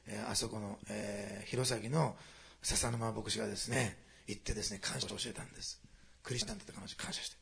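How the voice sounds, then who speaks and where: A man preaching a sermon to a congregation, moving quickly between quiet storytelling and loud, animated passages. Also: medium pitch, creaky. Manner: fast, animated preaching that swings from hushed asides to loud climaxes. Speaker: pastor.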